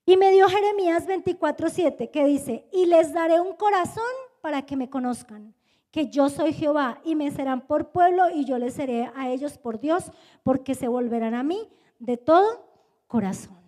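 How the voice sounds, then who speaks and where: A woman's voice: sits high, normal speed, big-room sound. A middle-aged woman pastor, preaching a sermon and telling a personal story, acting out dialogue in shifting voices. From Colombia. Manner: animated, acts out dialogue with changing voices. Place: church.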